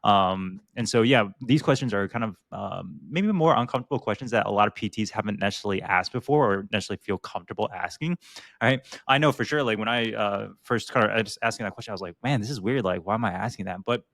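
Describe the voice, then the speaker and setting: Man, young adult, low voice, relaxed podcast co-host, many fillers, dry close-mic recording. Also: fast, vocal fry, dry recording. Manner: relaxed, filler-heavy, lots of "like" and "right?". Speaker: podcast co-host, physical therapist. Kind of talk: casual business podcast chat.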